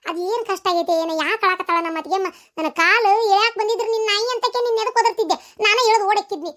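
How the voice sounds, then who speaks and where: A woman playing a high, quick, bossy mother-in-law. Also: fairly bright tone. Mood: scolding. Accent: North Karnataka Kannada. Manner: scolding, mocking, bossy. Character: bossy sharp-tongued older mother-in-law. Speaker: comedy sketch performer. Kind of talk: comic family skit.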